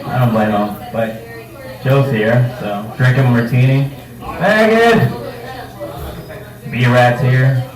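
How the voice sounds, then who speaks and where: A man's voice: medium pitch, takes it slowly, long pauses. Stand-up comic, male, loose and profane crowd work on a handheld mic, mid-range voice, recorded from across an echoey bar room. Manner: casual, profane, self-mocking crowd work. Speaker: stand-up comedian. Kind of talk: live stand-up set. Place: bar comedy night. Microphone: handheld microphone. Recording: roomy bar sound from a distance.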